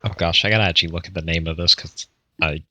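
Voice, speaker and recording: Guy at the table, low but bright voice, bouncy, kinda hesitant. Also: steady tone, fast, dry recording. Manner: hesitant, fumbling with notes. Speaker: player.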